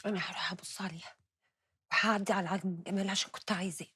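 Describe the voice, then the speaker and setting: An actress playing a hot-tempered young woman with an Egyptian accent, who snaps back fast in a family quarrel scene. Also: mid-range voice, fairly even intonation, close to an everyday voice. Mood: soothing. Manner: sharp, fast, rising to shouts.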